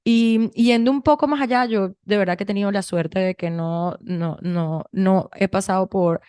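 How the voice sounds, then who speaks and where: A woman's voice: medium pitch, normal speed, clean tone, dry recording. Chatty Venezuelan woman, dry sound. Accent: Venezuelan Spanish. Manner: chatty, animated storytelling with many restarts. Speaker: podcast co-host. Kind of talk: casual conversation.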